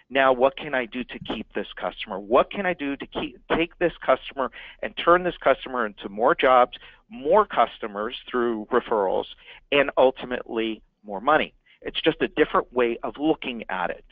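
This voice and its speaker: A marketing consultant gives a business training talk to business owners, stressing key words heavily and repeating them for emphasis. His pitch is ordinary and middling, and the sound is thin and phone-like, dry and close with no room echo.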